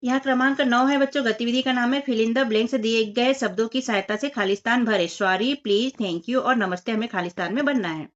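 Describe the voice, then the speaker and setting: Female teacher, patient step-by-step children's lesson, slightly high voice, muffled recording. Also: moderate pace, hardly any pauses. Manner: patient, explains step by step, addresses children as 'बच्चों' and 'बेटा'. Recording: dull lo-fi voice recording.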